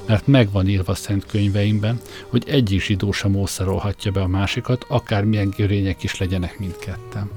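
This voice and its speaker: A man voicing a calm, earnest young male religious teacher in an audiobook, speaking plainly and sincerely. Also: on the low side, few pauses, soft background music, close to an everyday voice.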